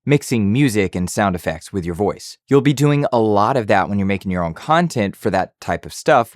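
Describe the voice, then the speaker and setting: A man who teaches audio gives an upbeat, direct, casual tutorial to camera, recorded on a studio condenser mic on an arm. His voice is fairly low in pitch, with no echo.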